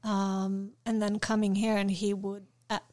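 A woman's voice: mid-range voice, little pitch movement, a little slow, a little mellow. A young woman from Poland with a Polish accent, an artist guest speaking in a reflective, hesitant way in a casual interview.

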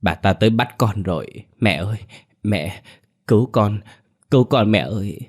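A man's voice: fairly low pitch, fairly quick, natural voice. A man doing a terrified ghost boy. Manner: trembling frightened pleading. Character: terrified boy ghost begging his mother.

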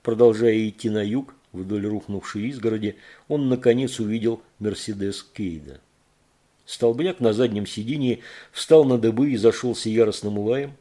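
A man reading a thriller audiobook in measured, even narration. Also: on the low side.

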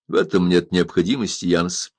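A man doing a calm commanding pirate chief. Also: low-pitched, brisk, husky, no echo.

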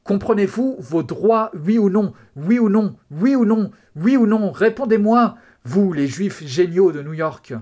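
A man putting on a flat robotic deranged cop. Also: medium pitch, fairly quick, natural voice. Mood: screaming. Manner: flat and robotic, then screaming.

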